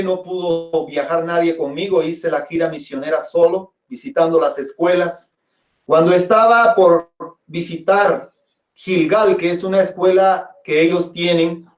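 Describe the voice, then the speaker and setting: A pastor preaching a sermon, telling a personal testimony with dramatic storytelling and calling his listeners brothers and sisters. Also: fairly high pitch. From Guatemala. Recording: echoey, from a distance.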